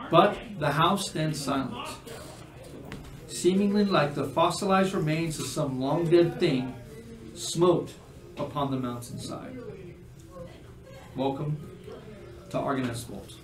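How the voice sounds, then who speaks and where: A man serving as game master, narrating a tabletop game in a slow, descriptive way that often stops to correct itself. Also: fairly high pitch, roomy sound, rough recording.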